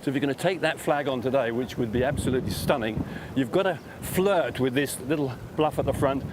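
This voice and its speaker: A man explains a golf hole from out on the course. He talks in a folksy, demonstrative way, at an ordinary pitch. Clear outdoor background noise runs under his voice. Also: a little fast.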